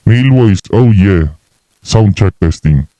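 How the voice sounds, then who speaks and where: A man testing his microphone through a deep pitch-shifted voice changer, saying slow, deliberate test phrases. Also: animated, mellow, no echo. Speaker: product reviewer. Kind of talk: mic sound check.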